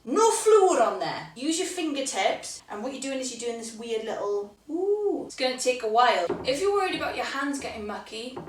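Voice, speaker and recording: A woman's voice: high-pitched, big pitch swings, moderate pace, hardly any pauses. A young Welsh woman hosting a casual cooking video from her home kitchen, chatty and playful as she teaches Welsh words. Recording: roomy kitchen, mic at a distance.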